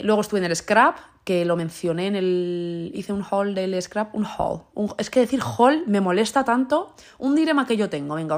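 A young woman with a Spain Spanish accent hosting a podcast in a chatty, rambling way full of asides. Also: fairly low pitch. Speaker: podcast host. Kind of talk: casual podcast chat.

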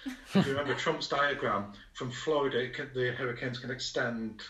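A man's voice: mid-range voice, moderate pace, fairly bright tone, echoey room, far from the mic, poor audio. A man on a quiz team, joking and laughing as he talks through answers. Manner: jokey, laughing often. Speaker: quiz contestant. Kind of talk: casual quiz chat.

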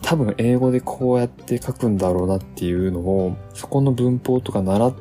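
A man hosting a solo podcast, talking in a relaxed, reflective way with many fillers as he recalls his school days. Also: medium pitch, normal speed, soft background music. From Japan. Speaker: podcast host.

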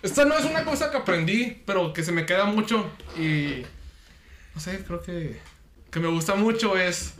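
A Mexican man talks in a casual, candid chat with a high, bright voice. He pokes fun at himself as he goes. The room gives his voice a noticeable echo. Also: expressive, moderate pace, slight background noise. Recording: roomy echo.

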